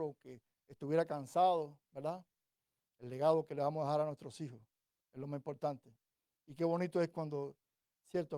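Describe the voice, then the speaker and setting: A middle-aged man from Cuba preaching a sermon, talking conversationally and often checking in with the listeners, then rising to slower, stronger emphasis when reading scripture. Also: on the high side, dark tone, dry recording, studio quality. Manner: conversational, rhetorical "¿cierto?" checks.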